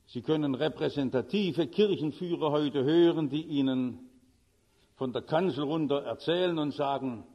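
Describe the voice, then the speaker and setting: A man preaching a sermon, emphatic, with his voice swinging from soft to shouting. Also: on the high side, moderate pace, highs cut off. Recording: long reverb of a large hall.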